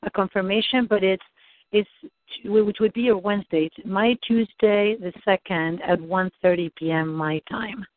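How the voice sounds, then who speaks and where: A woman's voice: medium pitch, steady tone, moderate pace, dry recording. A woman heard over the phone, helpfully arranging a meeting time with many hesitant fillers. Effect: heard over a phone line. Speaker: appointment scheduler. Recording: tinny phone line, dry.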